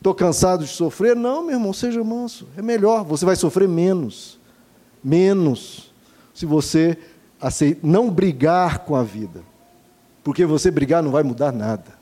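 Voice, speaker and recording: A Brazilian male pastor delivers an earnest sermon in a fairly high, warm and mellow voice. He speaks to the congregation directly, asking rhetorical questions and building his points through repeated phrases. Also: moderate pace. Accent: Brazilian Portuguese.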